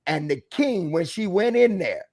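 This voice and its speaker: High-voiced preaching man, animated. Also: normal speed, creaky. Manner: animated, preachy, breaks into shouts. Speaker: bishop. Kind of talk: preaching relationship talk.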